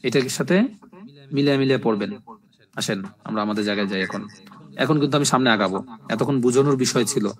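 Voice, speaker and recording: A man teaching a live online language class in a mid-range voice. He explains step by step, often pausing to ask if students follow. Then he drills word forms slowly, one after another, in long repeated lists. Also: medium pitch. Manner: explains step by step, often checking "ঠিক আছে?".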